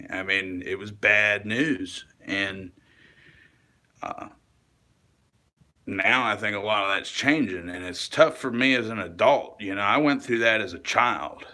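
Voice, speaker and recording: A man with a low, tense, forceful voice talks straight to camera in a long, rambling monologue. He is earnest and confessional, stumbling over words, restarting sentences and dropping casual swears.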